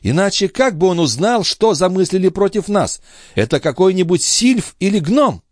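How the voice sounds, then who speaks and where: A man voicing a quick, lively young noblewoman in an audiobook. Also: sits high, no room sound, studio quality, voice pushed up. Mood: eager. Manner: eager, exclaiming.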